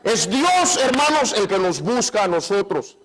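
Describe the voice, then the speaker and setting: A man preaching in a church with a notably high voice. He keeps calling for amens and calling his listeners brothers. His delivery jumps between loud, raised lines and quiet, low asides. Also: big pitch swings, unhurried, poor audio. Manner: call-and-response, repeating "¿cuántos dicen amén?" and "hermanos"; restarts and repeats phrases often. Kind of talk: sermon.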